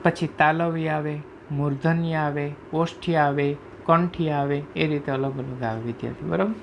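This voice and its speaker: A man teaching a class, explaining sounds slowly, reciting letters one by one and often asking if students follow. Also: fairly high pitch, fairly even intonation, vocal fry, a little hiss or hum. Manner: repeatedly checks understanding with "right?". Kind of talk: classroom lecture explaining Sanskrit phonetics.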